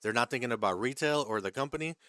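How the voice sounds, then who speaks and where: Talking fast and expressively, this mid-range-voiced trading livestream host reads viewers' chat questions and goes over the rules. His hedges and repetitions come punctuated by "right?" and "okay?". The fairly bright voice is captured dry, at studio quality.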